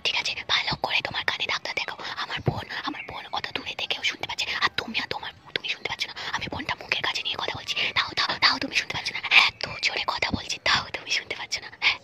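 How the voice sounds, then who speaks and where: A young woman plays a sister who sneaks hushed late-night phone calls to her boyfriend in a comedy skit. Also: fairly high pitch, close to an everyday voice. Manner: hushed, conspiratorial whispering into a phone. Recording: noticeable background hiss.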